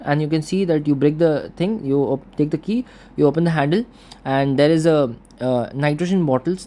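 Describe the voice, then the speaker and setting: Guy engineer doing a walkthrough tour, soft dark tone, explains stuff step by step, repeats his stock phrases. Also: fairly high pitch. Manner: repeats set phrases, instructional. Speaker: marine engineer giving a tour. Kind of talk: explanatory walk-through tour.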